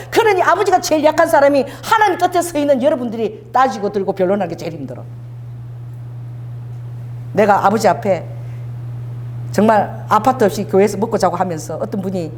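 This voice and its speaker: A high-pitched, middle-aged woman pastor preaching with strong emphasis. Her voice leaps widely from line to line, and she has the congregation repeat lines after her. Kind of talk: sermon.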